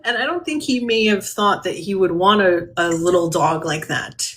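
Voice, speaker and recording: Gentle hesitant woman medium. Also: on the low side, normal speed. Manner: gentle, hesitant, many fillers and laughs. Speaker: medium giving a reading. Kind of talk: live-stream spirit reading.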